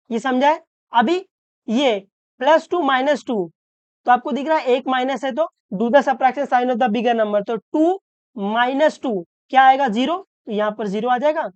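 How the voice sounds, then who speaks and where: A woman maths tutor from Maharashtra explains a problem step by step, often checking that the students follow and slowing down to stress each rule. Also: sits high, clean tone, no echo, lo-fi sound. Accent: Hindi-English mix, Maharashtra. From Maharashtra, India. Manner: checks understanding with repeated questions; slows down to stress key rules.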